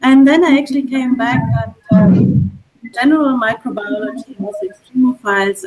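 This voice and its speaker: A woman's voice: fairly high pitch, low-quality recording. A woman scientist explains her research to a webinar audience in an enthusiastic, informal way, with fillers. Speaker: scientist guest.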